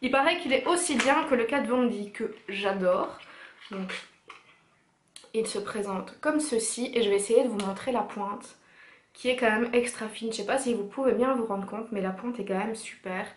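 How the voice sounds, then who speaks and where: A woman's voice: on the high side, moderate pace, a little hiss or hum. A young woman chatting casually and enthusiastically in a beauty haul vlog, with many fillers. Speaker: beauty vlogger. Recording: echoey room.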